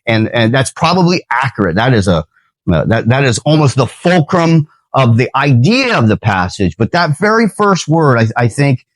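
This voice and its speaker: A man's voice: medium pitch, sing-song, moderate pace, no echo. A man hosting a church's Sunday night video, talking earnestly in a casual sermon style with many fillers and restarts.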